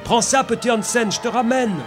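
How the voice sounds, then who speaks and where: A man's voice: medium pitch, fairly quick, music in the background, close to an everyday voice. A man voicing a coarse, slangy Arctic trapper who drawls out his words, in an audiobook reading. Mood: yelling. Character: gruff coarse-talking Arctic trapper man, crafty and easygoing.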